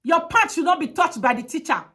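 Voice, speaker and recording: A woman's voice: extremely high pitch, sing-song, fairly quick, pushed and bright. A woman giving an impassioned advocacy monologue, emphatic and pleading, with heavy repetition.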